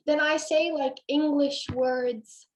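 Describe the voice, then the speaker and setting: High-voiced young American woman, casual co-host. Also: fairly even intonation, slow. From India, raised in America. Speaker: podcast co-host. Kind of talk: casual group chat.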